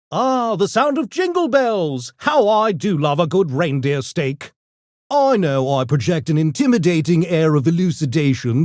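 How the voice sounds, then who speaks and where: A man's voice: on the high side, darkish tone, dry recording, studio quality. A man playing a small, smug, erudite gremlin genius in a video game, with pompous, wordy, mock-genteel diction and mischievous menace. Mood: mocking, menacing. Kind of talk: video game character voice lines.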